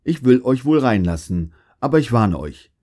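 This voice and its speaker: A man's voice: mid-range voice, sing-song, normal speed, darkish tone. A man voicing a stern apostle who warns a newcomer at heaven's gate, speaking in a raised, admonishing tone.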